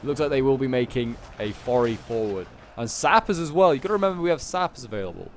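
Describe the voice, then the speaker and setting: A man gives off-the-cuff play-by-play on a strategy game. His delivery is colloquial and animated, reacting as things unfold. Clear ambient noise sits behind his voice. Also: mid-range voice, fast. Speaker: gameplay commentator. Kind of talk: casual live commentary on a strategy game battle.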